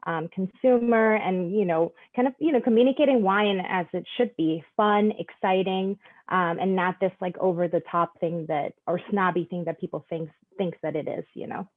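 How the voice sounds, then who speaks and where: Heard over a video call with tinny, phone-like sound, a Panamanian woman who founded a wine events business chats casually as a guest and laughs often. Her voice sits on the low side, her pace is moderate, and there's no room sound.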